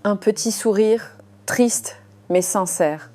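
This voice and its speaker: A woman's voice: mid-range voice, slow, warm tone. A woman narrating a dramatic story, hesitating often with fillers between phrases.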